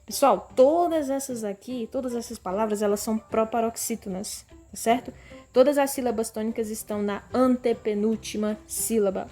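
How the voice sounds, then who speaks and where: A Brazilian woman teacher giving a recorded grade-school language lesson, calling the class "pessoal" and drawing words out slowly so pupils can hear the stressed syllable. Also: a little high, warm tone, faint music behind. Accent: Brazilian Portuguese. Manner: slow, stretched-out word readings for pupils.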